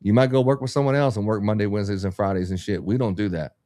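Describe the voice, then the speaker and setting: A man with a lowish, steady, warm voice talks fast, recorded at studio quality with no room sound. He owns a business and gives advice in a casual podcast chat, blunt and rambling, swearing freely in a motivational way.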